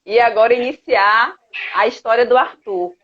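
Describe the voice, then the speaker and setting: A woman hosting a live stream interview, gently reflecting and asking guiding questions. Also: on the high side, moderate pace, muffled recording. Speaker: host.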